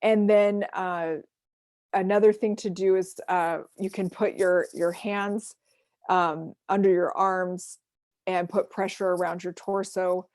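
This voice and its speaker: A woman presenting an online self-care workshop, explaining grounding techniques gently with frequent fillers, heard over a video call. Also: on the low side, steady tone, takes it slowly, dry recording, clean studio sound.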